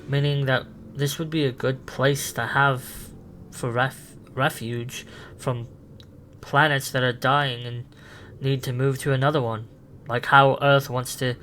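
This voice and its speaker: A man's voice: medium pitch, sharp tone. Man playing the Doctor, eager and improvised, a faint hiss behind. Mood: musing. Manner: improvising with restarts and fillers, eager. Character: the Doctor, a male alien time traveller, curious and urgent. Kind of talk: improvised fan audio drama.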